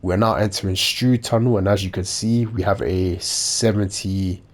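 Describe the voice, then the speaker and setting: A man with a blocked nose giving measured, matter-of-fact game commentary, sounding nasal and a bit dopey. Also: deep voice, fairly even intonation. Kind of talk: measured instructional gameplay commentary.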